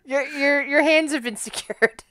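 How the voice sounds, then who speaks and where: A woman's voice: high-pitched, measured pace, a bit bright, no room sound. A woman narrating a casual tabletop game as game master.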